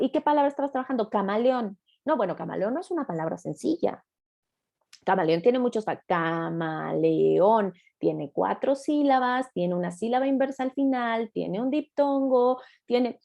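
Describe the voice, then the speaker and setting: A middle-aged speech therapist lectures in an online master class. Her voice is dark and mellow, with a gravelly edge of vocal fry. She explains patiently and step by step, now and then voicing the questions she imagines from her audience. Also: on the high side. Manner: explanatory, acts out imagined dialogue with listeners.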